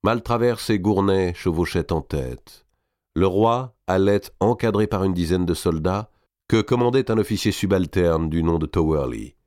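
A man reading a historical novel aloud in a measured, even storytelling manner. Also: sits low, no echo, clean studio sound. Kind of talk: audiobook narration.

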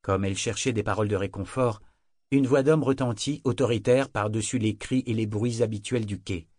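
A man reading a fantasy novel aloud as narrator, in an even, measured way. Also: fairly low pitch, no echo, clean studio sound. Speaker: audiobook narrator.

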